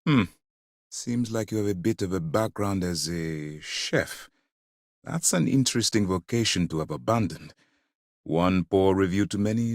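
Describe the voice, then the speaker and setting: An actor playing a stern, principled space fleet commander in a video game, speaking formally and with authority. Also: male voice, fairly low pitch, no room sound, clean studio sound. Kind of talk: scripted video game character dialogue.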